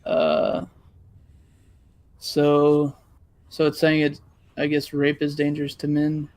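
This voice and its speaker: Man, fairly high voice, close dry sound, casual podcast chat, hesitant slang. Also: completely flat delivery, slow, a little mellow, dry recording. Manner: slangy, hesitant, says dude often. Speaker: podcast co-host.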